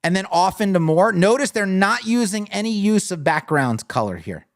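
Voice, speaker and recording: A man's voice: high-pitched, big pitch swings, moderate pace. A man hosting a live web design critique, talking bluntly and thinking aloud as he scrolls through sites. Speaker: web design show host. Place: home studio with lights on.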